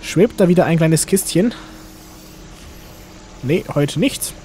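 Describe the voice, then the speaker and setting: Animated man rambling through game commentary. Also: fairly high pitch, slow, slight background noise. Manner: rambling, talks to himself and game characters. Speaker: let's play host. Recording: game music behind the voice.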